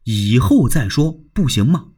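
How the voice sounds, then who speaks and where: A male storyteller voicing a cautious, worried eldest sworn brother who hushes and placates his younger brothers. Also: mid-range voice, sing-song, measured pace, breathy edge. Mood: hushing.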